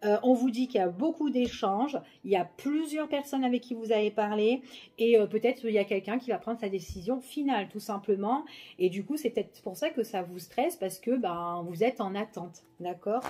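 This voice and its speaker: A woman's voice: medium pitch, moderate pace, mellow, husky. A woman giving a casual general tarot reading, chatty and full of fillers, often checking in with the listener. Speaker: tarot card reader.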